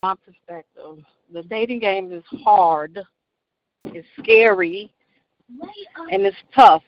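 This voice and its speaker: A woman's voice: medium pitch, slow pace, slight background noise. An older woman calling in to a radio show over a phone line, speaking earnestly in casual chat and repeating her phrases. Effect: voice heard over a phone call. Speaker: radio call-in caller. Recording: dull, dry phone line.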